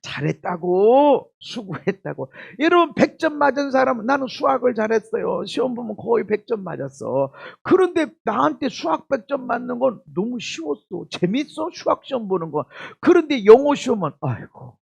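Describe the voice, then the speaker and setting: A male pastor delivers a church sermon in a high, husky voice with a gravelly edge. His pitch leaps around as he moves between loud exclamations and quiet asides. He keeps turning to the congregation with direct questions. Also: big pitch swings, brisk, few pauses. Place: church service.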